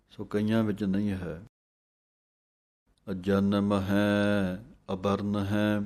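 A man teaching careful pronunciation for recitation. He chants each word slowly and evenly, then explains in a measured, instructive way. His voice sits low and stays flat in pitch. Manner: slow drawn-out recitation of words, then quick explanations. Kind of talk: pronunciation lesson.

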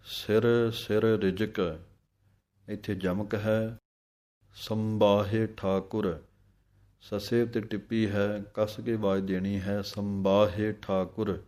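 A man teaches scripture recitation in a low, even voice. He draws each verse out in a slow chant, then explains the pronunciation in plain speech. His tone stays dark and mellow throughout. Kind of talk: recitation lesson.

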